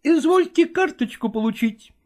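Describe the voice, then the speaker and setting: A woman's voice: high voice, lively intonation, normal speed, a little mellow. A woman reading a storybook, voicing a sly, servile male lackey who gossips and fawns. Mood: fawning. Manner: fawning, gossiping.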